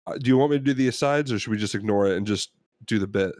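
A man's voice: lowish voice, very fast, a little mellow, no echo, studio quality. A man with an American accent hosting a casual podcast over voice chat, rambling with many fillers. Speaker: podcast host. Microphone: home mic on voice chat.

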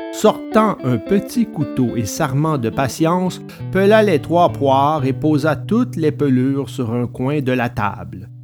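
A man narrating a children's story in an expressive, storytelling manner. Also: mid-range voice. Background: soft guitar music.

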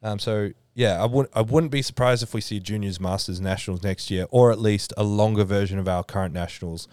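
A man's voice: fairly low pitch, brisk, no room sound, clean studio sound. A man hosting a podcast, chatting casually with many fillers. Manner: relaxed, explains at length with many fillers. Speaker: podcast host, powerlifting organiser. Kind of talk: casual chat.

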